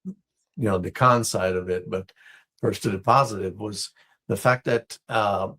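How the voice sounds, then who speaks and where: Male guest from Israel, lowish husky voice, unhurried and reflective. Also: a bit bright. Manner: thoughtful, measured, with many fillers. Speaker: business guest. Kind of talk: conversational interview answers.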